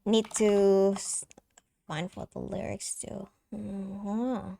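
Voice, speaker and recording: In a casual live-stream chat, a young woman with a light soprano voice giggles and restarts often, sprinkling in fillers. Her medium-pitched delivery is level, mellow and creaky, with drawn-out words.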